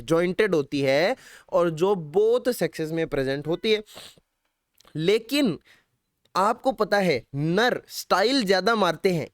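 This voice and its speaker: A man's voice: sits high, no echo, studio quality. A young man with a Hindi accent teaching biology in an online exam-prep lecture, repeating key facts and firing questions back at his students. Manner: drops in playful sung lines.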